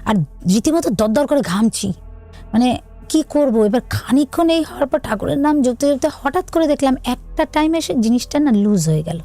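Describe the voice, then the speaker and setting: Woman, higher pitch, dark mellow tone, hushed halting storytelling, faint music behind. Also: lively intonation. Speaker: guest telling her own story. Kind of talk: casual first-person telling of a true ghost story.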